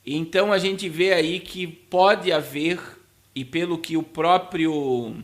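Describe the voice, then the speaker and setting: A man with a Brazilian Portuguese accent gives informal commentary to viewers as a pastor, in a halting way that repeats words. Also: on the high side, steady tone. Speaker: pastor hosting a talk show.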